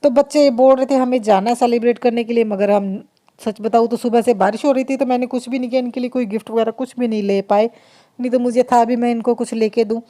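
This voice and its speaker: Woman, vlogger, mother, casual voice-over, chatty, laughs a lot, slightly high, mellow tone. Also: steady tone, quick pace. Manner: chatty, laughs often, frequent restarts. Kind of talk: casual voice-over narration of home video.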